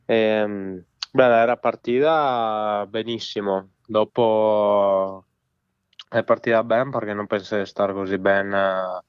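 Slow, smooth young man on a phone. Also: fairly low pitch, fairly even intonation, dry recording. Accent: northern Italian, Trentino. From Trentino, northern Italy. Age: 20s. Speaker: biathlete being interviewed. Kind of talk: casual phone interview. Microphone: telephone. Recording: slightly dull telephone connection.

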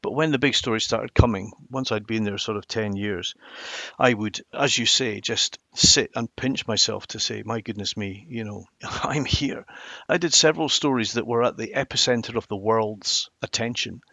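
A mature man with a Highland Scottish accent, telling stories reflectively and emphatically in a conversational interview. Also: moderate pace, creaky, sharp tone, no room sound. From Inverness, Highlands of Scotland. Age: middle-aged or older. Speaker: interview guest, former television journalist.

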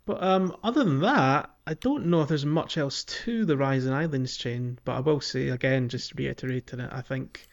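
Speaking at a moderate pace with few pauses, a man in the medium pitch range hosts a casual video game podcast, hedging as he chats. The sound comes through a dull lo-fi mic.

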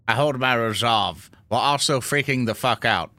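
A man's voice: mid-range voice, moderate pace, pushed and bright, no room sound. A man in casual game chat, speaking as a player and host of the show.

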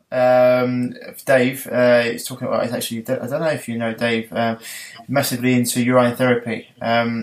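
A man with an Essex accent hosting a podcast in a casual, matey way, often stumbling over his words. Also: mid-range voice. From Essex, England. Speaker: podcast host. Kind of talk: casual podcast intro and interview chat.

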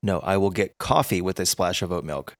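A man with a low voice co-hosting a podcast, giving flat, matter-of-fact answers with a deadpan edge. The recording is dry and close-miked, with no room sound. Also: a little fast, dry recording. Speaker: podcast co-host. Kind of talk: casual chat.

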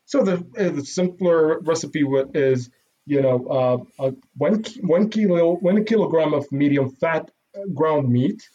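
Iraqi-born guy, guest on a chat, slightly high voice, lots of ums and restarts, modest. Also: dark tone, muffled recording. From Iraq. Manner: halting, many fillers and restarts, modest. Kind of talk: casual interview.

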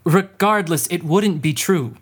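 A man in a student radio drama playing a gentle, patient uncle who speaks calmly and reassuringly. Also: on the high side, breathy edge. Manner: calm, reassuring, measured.

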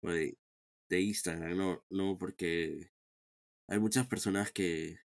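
Peruvian male interview guest, low pitch, reflective and unhurried, repeats words as he thinks. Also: gravelly. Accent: Peruvian Spanish. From Peru. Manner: calm, reflective, many restarts and repeated words. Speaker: guest, founder of a sports team. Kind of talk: casual interview conversation.

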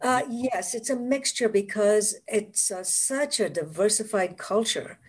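Appearing as the guest author on a video call, a woman from the Caribbean with a West Indian accent tells warm stories about her childhood, laughing frequently during the casual interview. She has a mid-range voice with a breathy edge and speaks at a measured pace.

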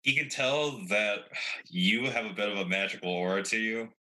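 A man narrating a tabletop game as its game master. His voice is very deep yet bright in tone. He describes the scene with laid-back amusement. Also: moderate pace, low-quality recording.

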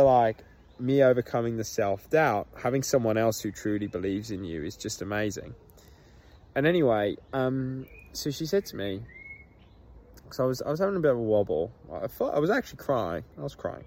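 A man's voice: lowish voice, a little mellow. A man hosting a solo podcast outdoors, talking openly and emotionally with plenty of "like" fillers. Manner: open and emotional, many "like" fillers. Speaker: podcast host. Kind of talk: candid solo podcast monologue. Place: outdoors on a walk.

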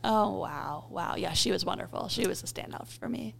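A woman's voice: medium pitch, moderate pace, gravelly, a bit bright. A woman co-hosting a casual film review show, colloquial and emphatic, with frequent exclamations.

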